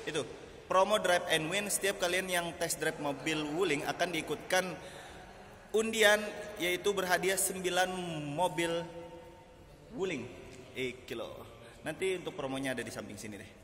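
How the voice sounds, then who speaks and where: A man gives an upbeat promotional sales pitch to viewers as a vlog host, mixing in bits of English, recorded on a phone at arm's length in a large showroom. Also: normal speed, long pauses. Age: 20s. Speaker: car dealership salesman and channel host. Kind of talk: promotional vlog talk to camera. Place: large indoor car showroom. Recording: echoey large showroom with loud ambient noise.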